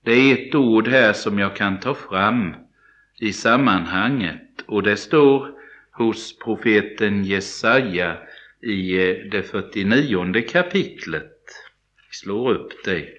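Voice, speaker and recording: A man's voice: fairly low pitch, lively intonation, fairly bright tone. A man giving a devotional Bible study sermon, speaking earnestly and directly to the listener in a pastoral way. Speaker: preacher. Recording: dull lo-fi broadcast recording.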